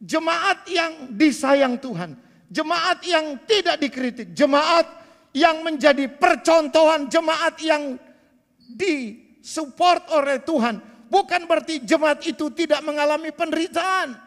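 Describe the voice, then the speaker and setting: A man in his sixties preaching a sermon as pastor, swinging between loud emphatic bursts and quiet asides. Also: extremely high pitch, a little slow, in a large hall. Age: 60s. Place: church sanctuary.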